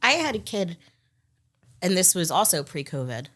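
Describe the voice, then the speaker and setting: A woman with a lowish voice talks about running a restaurant staff. She is blunt and straight, with no sugarcoating. Her chat is casual and plain. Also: big pitch swings, moderate pace, fairly bright tone. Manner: blunt and direct. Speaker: restaurant manager, guest. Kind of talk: casual talk show chat.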